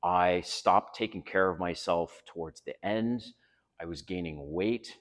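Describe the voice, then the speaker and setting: A man's voice: deep voice, a little slow, big-room sound. A middle-aged man from Canada, hosting his vlog and talking frankly and earnestly, swearing freely. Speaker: vlog host. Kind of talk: candid personal vlog talk. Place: outdoors by a residential pool.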